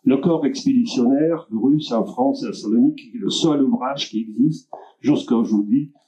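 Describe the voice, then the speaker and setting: A man hosting a literary evening, introducing the speakers in a halting way, with many filler sounds and restarts. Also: medium pitch, dark tone. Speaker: event host introducing speakers. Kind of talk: hesitant spoken introduction. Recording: dull lo-fi room recording.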